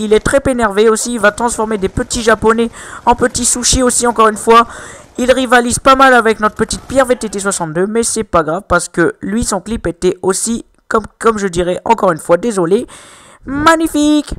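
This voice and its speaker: A young man putting on a mock Chinese accent to announce gaming highlights, slow and drawn-out. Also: fairly bright tone. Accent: put-on Chinese accent over French. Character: excitable male game-clip commentator with a mock Chinese accent. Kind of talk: gameplay highlight commentary.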